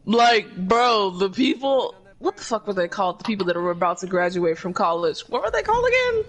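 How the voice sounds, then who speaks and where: A man's voice: high voice, big pitch swings, fairly quick, fairly bright tone. A young man streaming a game, chatting casually and swearing often, with frequent laughs. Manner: laid-back, profane, laughs often. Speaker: gaming streamer. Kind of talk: casual chat while gaming.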